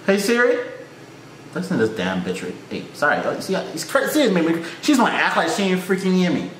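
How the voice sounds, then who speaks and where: A young man with a Trinidadian accent reacts to a video from a small room, joking, sounding mock-frustrated, and talking back at the screen. His voice is high-pitched and fairly bright with big pitch swings, he speaks fairly quickly, and the room is echoey with faint hiss.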